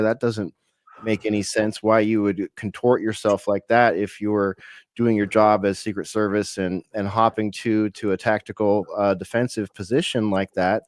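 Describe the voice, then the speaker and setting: A man's voice: on the low side, darkish tone, no room sound, clean studio sound. A man co-hosting a live-streamed talk show, musing and reasoning aloud about a photo with many fillers.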